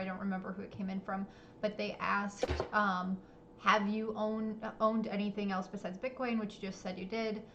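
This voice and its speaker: A woman hosting a livestream, asking her guest questions in a friendly, halting way. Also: mid-range voice, fairly bright tone, highs cut off, a little hiss or hum. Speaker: livestream host. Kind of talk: casual livestream interview.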